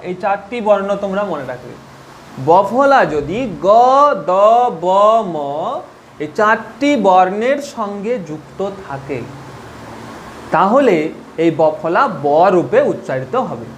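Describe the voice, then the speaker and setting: A man's voice: sits high, sing-song, slow, slight background noise. A man teaching a spoken grammar lesson, patient, repeating each point and asking the listener questions.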